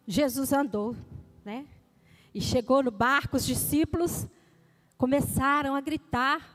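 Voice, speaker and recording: High-voiced Brazilian woman preaching. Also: big-room sound. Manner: storytelling, addresses listeners by name, acts out quoted voices. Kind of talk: sermon.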